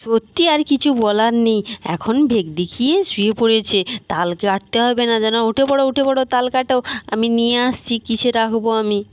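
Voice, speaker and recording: A woman's voice: fairly high pitch, a little fast, natural voice. A cross, scolding middle-aged wife in a doll story, as a woman acts her out, grumbling at her husband. The voice is dry and close-miked with no echo.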